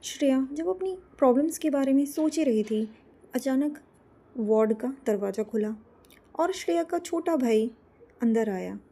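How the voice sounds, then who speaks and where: High-voiced woman narrating an emotional story. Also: lively intonation, normal speed, dark tone.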